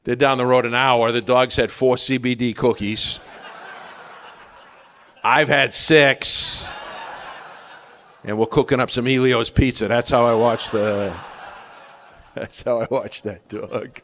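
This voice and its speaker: A man's voice: mid-range voice, steady tone, moderate pace, slight background noise. A man doing a stand-up comedy routine, telling wry stories and asking the audience questions. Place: stage in a large hall. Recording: long reverb of a theater hall.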